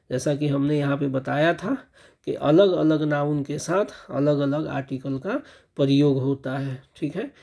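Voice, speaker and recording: A man explaining a grammar lesson in a very dark, mellow voice. He keeps checking that his students follow, repeating the same little check-in phrase. He slows right down to drill example words one at a time. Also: a little high, poor audio. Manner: keeps checking understanding with repeated "theek hai" and "spasht ho gaya". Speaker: English teacher.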